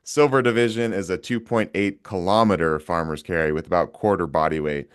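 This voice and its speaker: Emphatic low-voiced man, casual talk. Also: a little fast, clean tone. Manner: energetic, emphatic, swears casually. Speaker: guest. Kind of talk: casual conversation.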